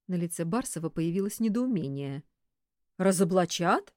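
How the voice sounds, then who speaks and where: A woman narrating an audiobook with expressive storytelling. Her pitch moves in wide, lively arcs, and the sound is dry and close with no room around it. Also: fairly quick, dry recording.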